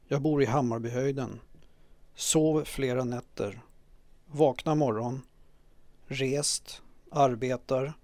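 A man in his fifties reads a poem on community radio in short, measured lines with a mid-range voice. The sound is dry and close. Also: medium pitch, dry recording. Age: 50s. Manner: plain, measured, flat reading of short lines. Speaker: radio contributor. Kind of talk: reading a poem.

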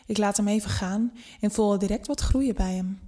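A woman narrating a scripted first-person erotic story in an intimate, unhurried way that drops to a hush at times. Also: medium pitch.

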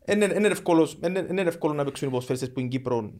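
A man's voice: on the high side, animated, darkish tone. A man in his thirties with a Greek Cypriot accent, answering questions as a guest in a conversational interview. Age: 30s. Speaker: podcast guest, football agent.

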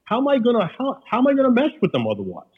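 A man's voice: very high voice, wildly swooping pitch, rapid-fire, husky, narrow, tinny audio. A man with a Queens, New York accent talking casually and emphatically as a guest, often repeating himself. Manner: emphatic, repeats himself, peppers talk with "you know". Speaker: podcast guest, restaurateur. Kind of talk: casual conversation.

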